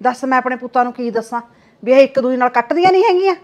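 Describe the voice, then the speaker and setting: A woman's voice: sits high, expressive, very fast. An actress playing an older mother-in-law with a cough, scolding her daughters-in-law and pleading for peace. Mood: fretful. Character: older woman, fussing mother-in-law of two bickering daughters-in-law. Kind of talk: amateur village short-film acting.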